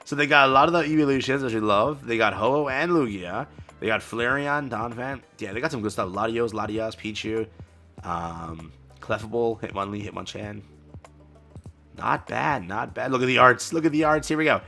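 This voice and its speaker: A man hosting a card-game channel, giving an excited, casual reaction commentary full of exclamations and slang like bro and dude. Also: fairly low pitch, moderate pace, creaky, soft background music. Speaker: card game content creator.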